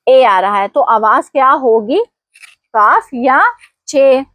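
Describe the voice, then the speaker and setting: A woman teacher giving an online language lesson, explaining pronunciation rules slowly and quizzing her viewers. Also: high voice, a bit bright, no echo. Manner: slow, deliberate explanations with quiz prompts.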